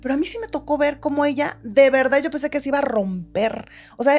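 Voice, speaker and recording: Woman, expressive storytelling, casual podcast, soft music. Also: quick pace. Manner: animated, acts out quotes, shifts pitch when telling the story. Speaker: podcast guest.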